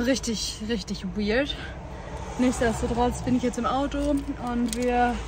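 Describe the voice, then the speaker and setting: A woman's voice: fairly high pitch, background noise. A young woman in her twenties talking casually into a phone held at arm's length, rambling and amused with herself as she vlogs. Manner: chatty, rambling, self-amused. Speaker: vlogger. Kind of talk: casual vlog chat to camera. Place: airport terminal, then car, then outdoors in snowy mountains.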